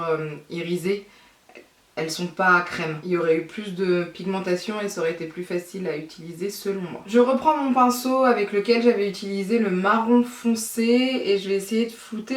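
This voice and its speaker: A woman vlogger talking through a makeup tutorial, chatty and thinking aloud with fillers and asides. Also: on the low side. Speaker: beauty vlogger. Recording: echoey room, mic at a distance.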